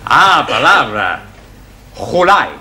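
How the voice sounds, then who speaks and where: A man's voice: medium pitch, very animated, slow pace, sharp tone, heavily acted. An actor playing a cheerful Spanish barman student who speaks broken English with a heavy Spanish accent, in a sitcom scene. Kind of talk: 1970s studio sitcom acting. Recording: noisy studio audience laughter. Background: studio audience laughing.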